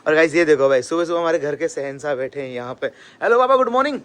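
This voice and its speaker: A man's voice: a little high, fast talker, clean tone. Teasing young man filming a family vlog. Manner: teasing, lively, calls out loudly. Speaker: vlogger, host. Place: outdoors at home in the sun.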